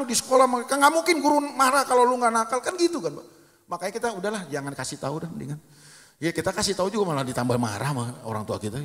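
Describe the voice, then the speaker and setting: A middle-aged man preaching a sermon as pastor, telling lively stories with acted-out quotes. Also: mid-range voice. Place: church sanctuary. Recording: long hall reverb.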